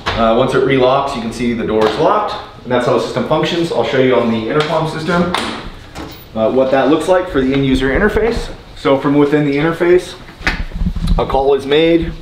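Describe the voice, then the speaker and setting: In a mid-range voice at a moderate pace, a man in his thirties, an installing contractor, demonstrates equipment with an informal, matter-of-fact, step-by-step walkthrough. He moves through a building entrance, lobby and front office. The on-site recording is noisy, with clicks.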